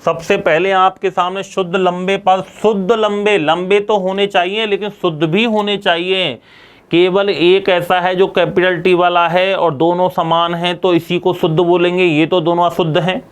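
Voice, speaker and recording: Male science teacher, high ringing voice, call-and-response drilling style. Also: flat delivery, moderate pace, smooth. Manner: asks students questions and answers them himself; repeats key terms for drilling. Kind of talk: classroom lecture.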